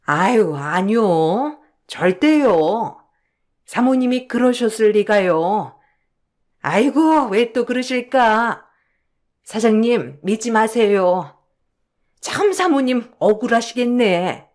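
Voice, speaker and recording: A middle-aged caregiver who reassures everyone in a soft, deferential tone. Her delivery is slow and measured, in the manner of a radio drama character. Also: a little high, animated. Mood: soothing. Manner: soothing and deferential.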